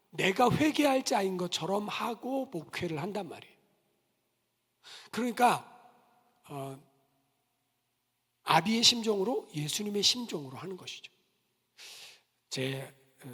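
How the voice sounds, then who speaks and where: A middle-aged man delivers a sermon as a pastor, animatedly recounting stories and voicing the characters he quotes. His husky voice sits high, and the long reverb of the church sanctuary surrounds him.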